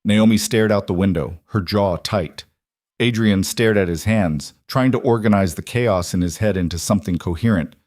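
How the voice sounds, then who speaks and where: A man narrates a romance drama in a measured, dramatic storytelling manner. His voice sits low and the recording is close and dry. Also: a little mellow, no room sound. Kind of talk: scripted narration.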